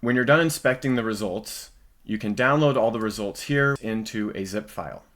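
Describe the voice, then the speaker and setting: Low-pitched man presenting a software demo. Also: normal speed. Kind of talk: scripted software demo narration.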